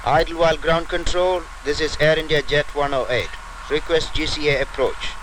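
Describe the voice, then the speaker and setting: A man playing a calm airline pilot, speaking over an aircraft radio in clipped call-sign procedure. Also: on the high side, normal speed. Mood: routine. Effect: voice over an aircraft radio transmission. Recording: noisy old radio transmission.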